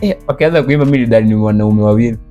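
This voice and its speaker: A man's voice: medium pitch, rapid-fire, muffled recording. Young Kenyan man bantering over guitar music. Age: young adult. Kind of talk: casual group banter, code-switching. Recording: background guitar music behind talk.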